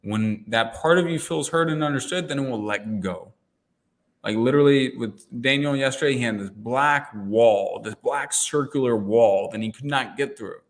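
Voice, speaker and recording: Energetic man coaching in a casual chat. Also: mid-range voice, normal speed. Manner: energetic storyteller, acts out quoted inner dialogue; rambling restarts and repeated words. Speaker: guest, NLP coach and entrepreneur mentor. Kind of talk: casual interview conversation.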